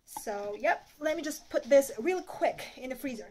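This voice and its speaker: A Filipino vlogger in her thirties chats casually to her phone camera while unpacking groceries in a small apartment kitchen, holding items up to show viewers. Her voice sits high with lively intonation at a normal pace. Recorded on a phone held at arm's length, the audio is noisy.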